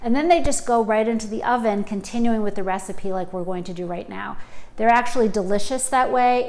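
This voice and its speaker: A woman's voice: medium pitch, a little mellow. A woman co-hosting a home cooking video, giving baking tips in an enthusiastic, chatty way. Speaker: cooking show co-host. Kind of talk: cooking demonstration.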